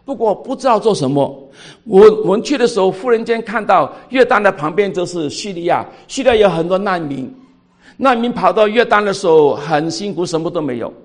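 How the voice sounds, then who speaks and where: An older man with a Cantonese accent, telling a story in a sermon, voice swinging between loud and quiet. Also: high-pitched, lively intonation, a little fast. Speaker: pastor.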